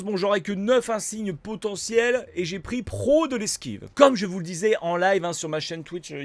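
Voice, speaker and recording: A man giving casual gameplay commentary as a gaming YouTuber, chatty, swearing casually and bursting out loud at big plays. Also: high-pitched, dry recording.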